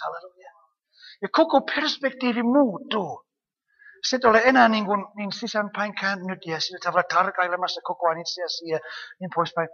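Female preacher with a gravelly voice, animated, punctuates with hallelujahs, long hall reverb. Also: mid-range voice, lo-fi sound. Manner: animated, frequent hallelujahs and amens, rhetorical questions. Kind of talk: sermon.

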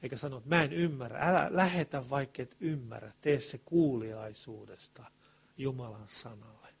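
A man preaching a sermon in colloquial speech, swinging between loud passionate bursts and hushed asides, with rhetorical questions to the congregation. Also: medium pitch, creaky, breathy edge.

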